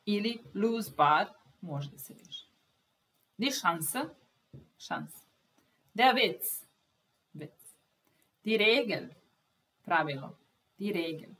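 Slow woman teacher drilling vocabulary. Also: medium pitch, lively intonation, a bit bright, distant mic, low-quality recording. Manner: says each German word, its Serbian translation, then the German word again. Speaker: language teacher.

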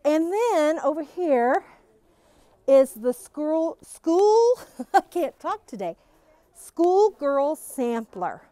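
High-pitched and full of big pitch swings, a middle-aged woman draws out her words in a mellow voice while showing off new stock at a quilt shop. She wears a face mask and speaks to the phone camera following her, bubbly and gushing, with no echo.

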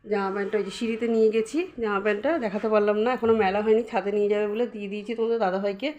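A woman's voice: medium pitch, flat delivery, very fast, a little mellow. A middle-aged woman and grandmother narrating a casual home vlog, chatting straight to her viewers as she goes about her chores indoors, recorded on a handheld phone.

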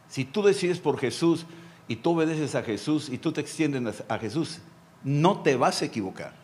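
A man with a Mexican accent, a pastor preaching a sermon, repeating phrases and dropping to quiet lines. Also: medium pitch.

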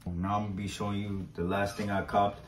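A man's voice: fairly low pitch, little pitch movement, a little fast, slight background noise. Chatty young man in an echoey room. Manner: chatty, slangy, repeats himself, pleads for likes. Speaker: vlogger. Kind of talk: casual unboxing vlog. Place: small bright indoor room. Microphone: fixed camera a few steps away. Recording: roomy, distant camera sound.

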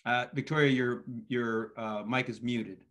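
A man's voice: medium pitch, fairly even intonation, measured pace, fairly bright tone. A middle-aged man moderating a virtual town hall over a video call from a home office, polite and appreciative, with hesitant fillers. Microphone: video call webcam.

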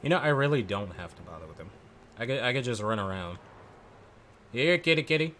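A man's voice: fairly low pitch, expressive, fast, noisy background. A man casually commenting on his game playthrough, offhand and joking, muttering to himself. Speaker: gamer.

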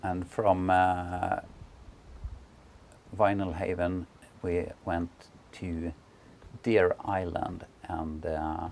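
A middle-aged man from Sweden, a Swedish speaker, narrating his sailing travels in an unhurried way with many filler pauses. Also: low-pitched, little pitch movement, creaky, a little mellow, slight background noise. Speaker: sailing vlogger.

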